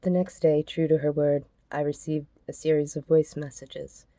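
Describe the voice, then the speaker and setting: A woman podcast host reading out a message exchange in a soft, measured, earnest way. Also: low-pitched, level tone, no room sound.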